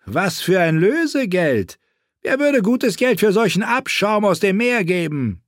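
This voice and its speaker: A man's voice: high voice, sing-song, a little slow, no room sound, clean studio sound, pitched above the performer's own voice. A man voicing a sneering, crude and arrogant male knight in an audiobook, taunting and contemptuous. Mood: scornful.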